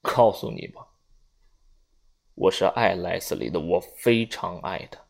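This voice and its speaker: Male reader as an old general in an audiobook, low gravelly voice, slow and courteous, resigned. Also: a little mellow. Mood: grave sorrowful. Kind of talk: audiobook reading.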